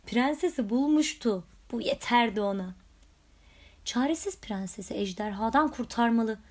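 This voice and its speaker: A woman's voice: a little high, moderate pace. Woman reading a children's story aloud. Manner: lively, expressive storytelling. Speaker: storybook reader.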